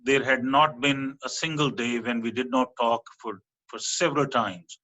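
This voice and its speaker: Earnest man giving a forceful formal speech. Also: medium pitch, fairly even intonation, moderate pace, low-quality recording. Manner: earnest, hesitant fillers. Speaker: guest speaker, general secretary.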